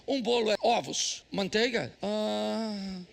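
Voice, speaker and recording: A man's voice: high-pitched, slow, gravelly. A middle-aged man with a Brazilian accent, preaching a humorous, blunt sermon in his church and peppering it with rhetorical questions. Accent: Brazilian Portuguese. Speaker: pastor. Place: church in front of a congregation.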